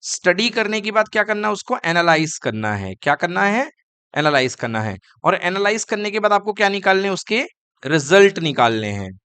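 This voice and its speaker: A man lecturing a class, and he keeps asking questions and then answering them. His voice is smooth and resonant, recorded close and dry. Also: high-pitched, very animated, moderate pace, bright, forceful tone, no echo. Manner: asks students questions and answers them himself; calls students kids and beta. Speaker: teacher.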